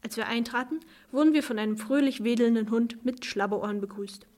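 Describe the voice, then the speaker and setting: A woman reading a children's story aloud in a calm, measured way. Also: fairly high pitch.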